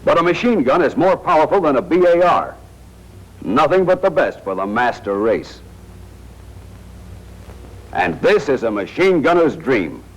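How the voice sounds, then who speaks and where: Speaking straight to soldiers, this American narrator of a 1940s training film sounds tough, wry and full of slang. His voice sits a little high and is very animated, yet he takes his time and leaves long pauses. The sound is a noisy 1940s film soundtrack.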